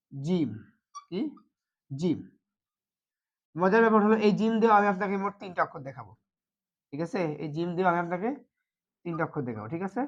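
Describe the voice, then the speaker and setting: A Quran reading teacher gives an online lesson on Arabic letters. The teacher talks patiently and repetitively, asks a question and answers it, and keeps checking that viewers are following. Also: medium pitch. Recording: dull lo-fi recording.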